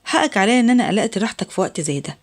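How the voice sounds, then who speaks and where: A woman's voice: medium pitch, very animated, racing. A storyteller voicing a frightened, exhausted young mother who is the narrator's new neighbor, speaking Egyptian Arabic in a pleading, apologetic way. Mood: pleading, weary.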